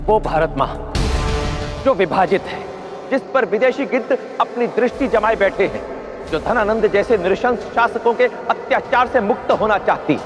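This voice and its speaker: An actor playing a stern teacher and strategist who speaks in a grave, declamatory way in a historical drama. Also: male voice, high voice, animated, moderate pace. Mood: resolute. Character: stern scheming royal teacher, vow-driven man. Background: dramatic music.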